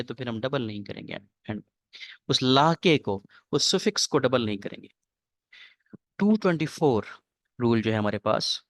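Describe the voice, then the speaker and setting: A male English teacher, lecturing to a class on spelling rules, reading rules slowly and explaining them in quick asides. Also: fairly high pitch, a bit bright, no room sound. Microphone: recorded lecture mic.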